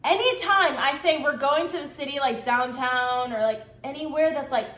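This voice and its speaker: A woman's voice: high-pitched, moderate pace, fairly bright tone. A young American woman in her twenties chatting casually as co-host of a couple's Q&A, giggly and tipsy. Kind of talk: casual chat. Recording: roomy echo, faint background noise.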